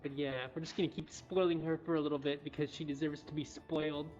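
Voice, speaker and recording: A woman hosts a casual livestream from inside a cat cafe, chatting informally and talking affectionately to the animals. Her low voice is fast and flatly delivered, with a slightly mellow quality. The livestream audio is dull, with music playing behind her.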